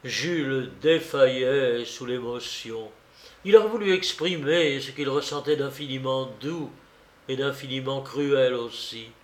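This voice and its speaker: A man narrating a literary audiobook in a measured, expressive reading style. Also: medium pitch. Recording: roomy, echoey recording.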